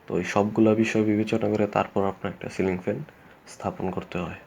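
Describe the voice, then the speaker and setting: A man's voice: lowish voice, little pitch movement, quick pace, creaky, a little mellow. A man, explaining electrical work in a plain, repetitive way with many fillers. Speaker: electrician instructor. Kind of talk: casual spoken tutorial. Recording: dull lo-fi audio with faint noise.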